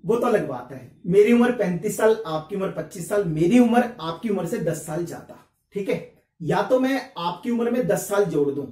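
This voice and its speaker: A man's voice: high-pitched, lively intonation, moderate pace, warm tone. A man teaching a maths lesson, chatty, putting questions to the students and answering them himself. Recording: roomy echo, mic at a distance.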